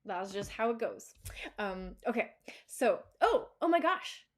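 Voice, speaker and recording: A woman's voice: fairly high pitch, very animated, measured pace. A woman dog trainer answering viewer questions in a casual live chat, talking loosely with many fillers and restarts and laughing easily.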